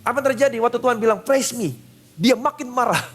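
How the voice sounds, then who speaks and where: A man's voice: very high voice, racing, fairly bright tone. A male pastor preaching a sermon at a church service, emphatic and repeating short phrases, with English phrases mixed in.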